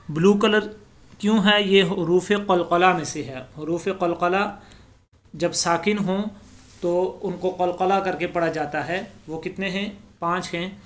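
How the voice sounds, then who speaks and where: A man teaching Quran recitation, explaining pronunciation rules and chanting each verse slowly. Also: high voice, fairly bright tone. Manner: slow explanatory teaching, recites verses in drawn-out melodic style.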